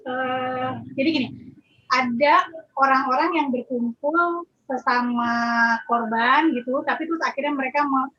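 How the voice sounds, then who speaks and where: Female guest, husky and sharp-toned, muffled lo-fi recording. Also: high-pitched, measured pace. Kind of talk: interview answer. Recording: dull lo-fi audio.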